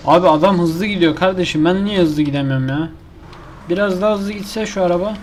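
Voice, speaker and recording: Over a faint hiss or hum, a gaming YouTuber speaks fast in a high-pitched male voice. He offers offhand commentary on his own gameplay, muttering complaints in exasperation each time he fails again.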